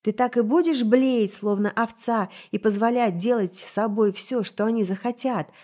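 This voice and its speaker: A woman's voice: on the high side, moderate pace, natural voice. A woman doing a scornful succubus alter ego. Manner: sharp, mocking, clipped.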